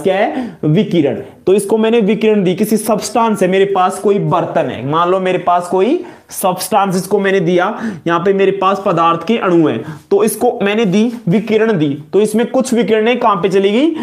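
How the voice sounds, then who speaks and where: Rajasthani-accented male lecturer, higher voice, drilling terms by repetition, classroom at the board. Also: a little mellow. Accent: Rajasthani-tinged Hindi. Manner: repetitive call-and-response questioning, calls students "beta". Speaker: college chemistry lecturer.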